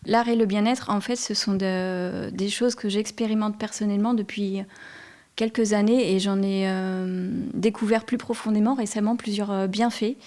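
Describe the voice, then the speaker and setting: Halting woman guest on TV. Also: medium pitch, steady tone, a little mellow. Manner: searching for words, slow and halting. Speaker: event guest, wellness practitioner. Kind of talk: TV interview.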